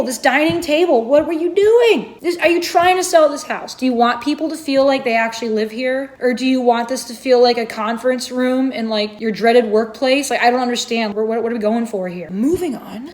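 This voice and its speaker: A young woman with a high-pitched voice delivers a satirical rant about a listing, chatty and sarcastic. She sounds exasperated and keeps dropping "like" into her sentences. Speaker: home review ranter. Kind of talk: satirical ranting commentary.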